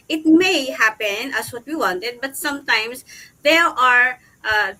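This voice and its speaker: A woman's voice: high-pitched, sharp tone, rough recording. A woman speaking as a guest on a casual live-stream chat, rambling and restarting her sentences.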